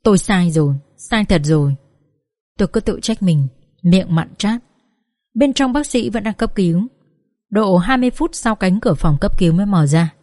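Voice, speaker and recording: A woman's voice: mid-range voice, normal speed, no echo, studio quality. A woman reading a first-person social drama aloud, acting out tearful, pleading dialogue. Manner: expressive, acts out sobbing pleas. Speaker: audiobook reader.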